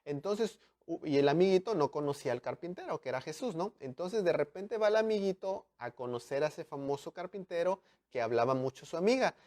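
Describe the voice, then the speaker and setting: A man, preaching a sermon in an animated way, acting out dialogue and swinging from loud to hushed. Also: a little high, a little fast. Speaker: pastor.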